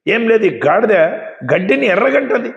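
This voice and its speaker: A man's voice: very high-pitched, animated, moderate pace, gravelly, big-room sound, highs cut off, voice pushed up, heavily acted. A man voicing an indignant male tiger who argues and complains. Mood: arguing. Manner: arguing, complaining.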